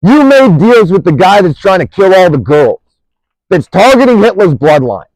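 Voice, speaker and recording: A man's voice: sits high, big pitch swings, moderate pace, darkish tone, dry recording, poor audio. A man delivering an angry, profane monologue, accusing and rambling, restarting sentences as he goes.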